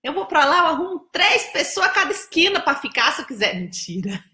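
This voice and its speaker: A woman's voice: sits high, sing-song, brisk, sharp tone, roomy sound. A Brazilian woman hosting a casual live stream, chatty and teasing as she greets viewers by name. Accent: Brazilian Portuguese. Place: indoors, home in São Paulo.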